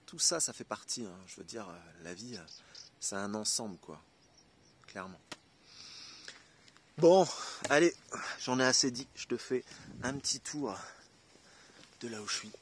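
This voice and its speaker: A man's voice: mid-range voice, a little slow, long pauses, slight background noise. A man from France talking casually to camera in a loose, rambling way, full of fillers. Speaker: vlogger. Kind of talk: casual spiritual monologue to camera.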